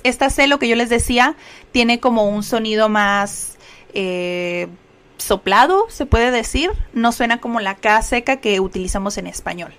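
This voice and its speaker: A woman's voice: a little high, fairly bright tone. Chatty Mexican woman teaching English. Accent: Mexican Spanish. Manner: chatty, explanatory, with many filler checks like "¿ok?". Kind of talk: livestreamed English lesson.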